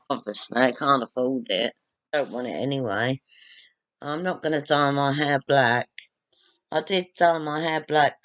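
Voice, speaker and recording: A woman vlogging from home speaks in a low, somewhat bright voice. Moving around the room with her phone camera, she rambles to her viewers in a self-deprecating way, and the audio is captured by a phone or laptop camera instead of a proper webcam.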